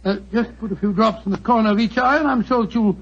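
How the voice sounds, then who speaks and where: A blustery, genial English doctor in a muffled, hissy 1940s radio drama. His voice is high and creaky, with a British accent. He bumbles and stammers along. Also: quick pace. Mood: kindly, fussing. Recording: muffled, noisy old 1940s radio recording.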